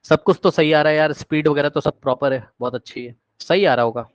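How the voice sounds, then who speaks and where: Male teacher, high voice, energetic online class lecture, repeats words to prod students, dull dry audio. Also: fairly quick, no echo. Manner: coaxing questions to the class.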